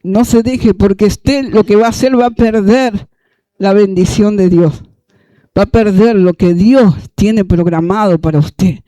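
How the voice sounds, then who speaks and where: A preacher, a man, delivers a sermon in a folksy, direct way, calling his listeners brother. His voice is high and warm-toned, and the recording is close and dry. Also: unhurried, no echo. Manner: folksy, addresses listeners as brother, calls for repetition.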